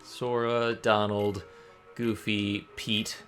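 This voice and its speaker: A man's voice: fairly low pitch, little pitch movement, very slow, fairly bright tone. A man giving conversational live commentary as a game streamer, with a touch of mock drama. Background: game music.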